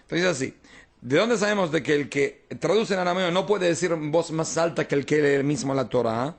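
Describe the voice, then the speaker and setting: A man's voice: on the high side, normal speed, gravelly. A man, a rabbi, teaching an informal Talmud class, explaining texts and often checking that his students follow.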